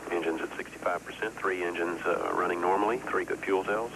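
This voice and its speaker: A man calls out launch status in flat, clipped phrases over a static-filled space mission radio feed. His voice is low and even. Steady hiss from the archival broadcast runs under every word. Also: brisk, gravelly. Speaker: launch commentator. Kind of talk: mission control launch commentary.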